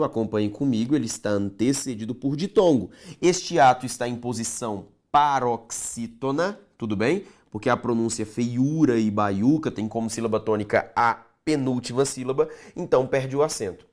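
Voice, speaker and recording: A man's voice: mid-range voice, animated, normal speed. A man teaching a grammar lesson, stretching key words and checking in with the viewer.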